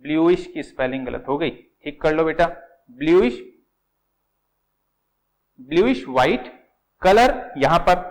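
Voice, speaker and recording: A man's voice: fairly high pitch, expressive, slow pace, long pauses, low-quality recording. A male chemistry teacher, lecturing step by step. He repeats key words and talks to his students in an affectionate, patient way. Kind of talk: classroom lecture at a whiteboard.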